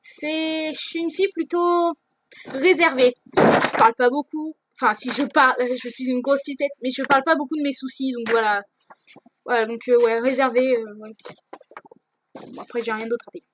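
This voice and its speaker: A woman's voice: high-pitched, fairly even intonation, normal speed, background noise. A teenage girl answering viewer questions in a casual vlog, hesitant, with many fillers and restarts. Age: teens. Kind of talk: casual chat.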